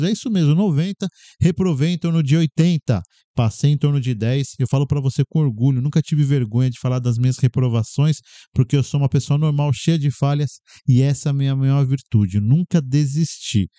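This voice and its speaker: A man's voice: mid-range voice, fairly quick, mellow, no room sound. A man from Brazil hosting a podcast, talking casually and animatedly to viewers with many rhetorical questions. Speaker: podcast host. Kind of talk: casual talk to camera about exam study.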